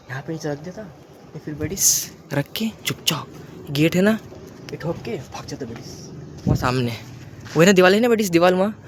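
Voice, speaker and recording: A young man vlogging casually to his phone camera, chatty, sometimes dropping to a hushed voice. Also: a little high, background noise. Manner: chatty, repeats a filler word, drops to a hushed voice near the mosque. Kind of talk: casual vlog chat to camera. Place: outdoors and at home, walking around.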